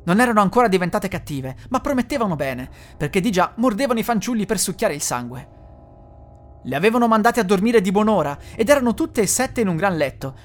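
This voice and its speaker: A storyteller giving a dramatic, expressive reading of a classic fairy tale. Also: mid-range voice.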